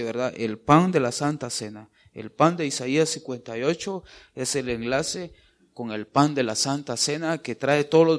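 Male preacher, mid-pitched voice, chatty sermon delivery that keeps turning to the congregation. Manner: conversational, keeps addressing the listener as brother with tag questions.

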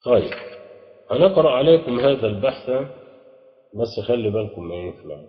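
A man's voice: mid-range voice, very animated. Egyptian-accented male teacher quizzing his class. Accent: Egyptian Arabic. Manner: explains slowly, quizzing students with rhetorical questions. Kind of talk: classroom lecture on grammar. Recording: dull lo-fi audio with long reverb.

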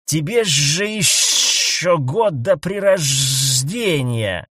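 Brief: boastful alien snake husband, drawn-out hissing lines, lifted pitch; voiced by a man. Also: lively intonation, husky, no room sound, full character voice. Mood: drawling. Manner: drawling and hissing, swings to outraged yelling.

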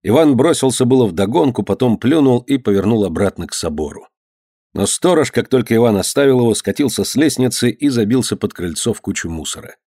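A man's voice: mid-range voice, fairly quick, breathy edge, no echo, clean studio sound. A man narrating a historical novel in a storyteller's manner. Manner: expressive storytelling, acts out characters. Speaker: audiobook narrator.

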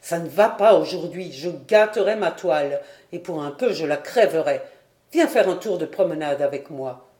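A woman's voice: deep voice, animated, warm tone, reverberant. A woman voicing a breezy, proud middle-aged painter father in a storybook reading. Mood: curt. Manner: light, brisk, then cold and clipped.

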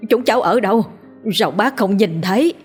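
A woman narrator voicing an old village uncle who shouts defiantly at monsters, slightly husky. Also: mid-range voice, lively intonation, normal speed, faint music behind. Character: fierce old village uncle defying demons.

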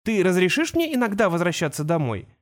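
An anxious, defiant teenage wizard boy, as a man reads him aloud in an audiobook. He talks in an earnest, pleading way, with his voice pushed up high above a man's usual register. The delivery stays plain and close, like storybook dialogue. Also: big pitch swings, fairly quick. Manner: earnest, pleading, raised higher voice. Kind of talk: audiobook character voice.

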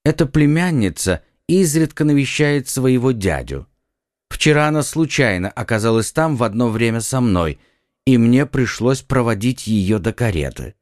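A refined, secretive swordsman who chooses his words with calm composure, voiced by a male audiobook reader. The reading moves with a lively lilt and sits close and dry. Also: mid-range voice, no echo, close to an everyday voice. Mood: composed. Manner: measured, composed.

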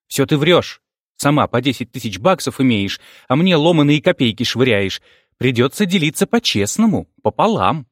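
A man reading an audiobook, voicing a grasping, hot-tempered young woman who shouts. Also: very animated, moderate pace, dry recording, clean studio sound. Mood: furious. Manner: shrill, shouting outbursts.

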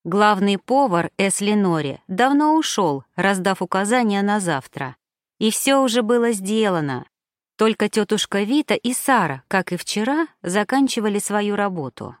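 A woman reads a novel aloud in an even, calm storytelling voice. Her pitch is mid-range. The recording is close and dry, with no room sound. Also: moderate pace, no room sound. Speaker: audiobook narrator. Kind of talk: scripted narration.

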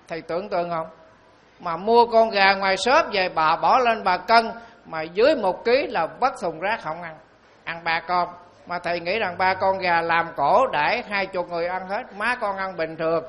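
Monk telling stories. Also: male voice, high-pitched, a bit bright. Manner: storytelling, slow and emphatic on key phrases. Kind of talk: sermon.

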